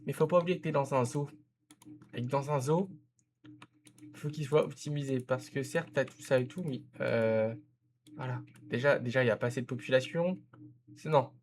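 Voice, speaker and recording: A man's voice: mid-range voice, normal speed, long pauses, slight background noise. Chatty man giving game-building tips. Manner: chatty, gives advice directly to the viewer, self-correcting. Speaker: game content creator reviewing a viewer's zoo. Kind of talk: casual gameplay commentary.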